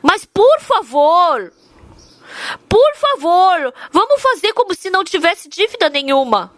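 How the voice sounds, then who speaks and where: A man's voice: very high-pitched, sing-song, a little fast, pushed and bright, dry recording, voice pushed up, exaggerated voice. A woman voicing a frightened male loan shark who begs and pleads in a flustered way. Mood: pleading. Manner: begging, flustered.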